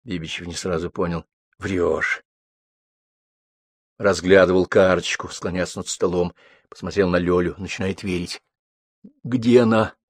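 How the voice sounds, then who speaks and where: Male reader, calm narration of stage directions, low and husky. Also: brisk, dry recording, clean studio sound. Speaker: audiobook reader. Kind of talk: scripted narration of a play.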